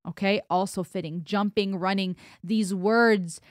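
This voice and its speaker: An unhurried, steady, mid-range voice belongs to this German music reaction host, a native German speaker who reacts to songs analytically, thoughtfully and emphatically while gesturing with her hands. She records indoors in a small home studio on a close boom-arm broadcast mic, headphones on, and the sound is clean with no echo.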